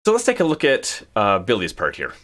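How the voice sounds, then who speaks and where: A man's voice: fairly low pitch, huge pitch swings, brisk, very noisy. A man giving casual commentary on his own music project, rambling with many restarts and hesitations. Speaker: music creator.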